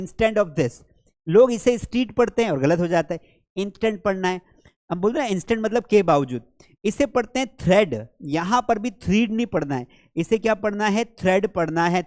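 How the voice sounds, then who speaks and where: A man's voice: high voice, darkish tone, no room sound, clean studio sound. A man with an Indian accent teaching an English lesson in Hindi, repeating words and quizzing the viewer like a classroom teacher. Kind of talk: classroom-style language lesson.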